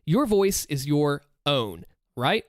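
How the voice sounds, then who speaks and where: A male streamer with a Southern US accent chats casually on a livestream, thinking out loud and cheering on his viewers. His voice is slightly high with large pitch swings and a slow pace, captured dry and at studio quality on a close desk mic while he wears headphones.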